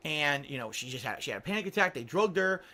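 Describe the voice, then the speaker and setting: Exasperated man ranting a story, lively pitch. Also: fast. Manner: exasperated, sarcastic, swears, acts out quoted people. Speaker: vlogger. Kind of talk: angry storytelling rant.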